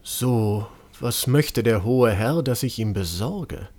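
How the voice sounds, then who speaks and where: A man's voice: medium pitch, expressive, takes it slowly, creaky, full character voice. A man voicing a clever ten-year-old boy who grumbles and mutters, in a storybook reading. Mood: grumbling.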